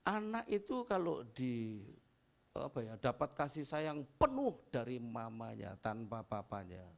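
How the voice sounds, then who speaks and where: A man's voice: medium pitch, big pitch swings, a little slow, gravelly. A middle-aged man preaching a chatty, anecdotal sermon as pastor, repeating phrases and calling for amens. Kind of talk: conversational sermon.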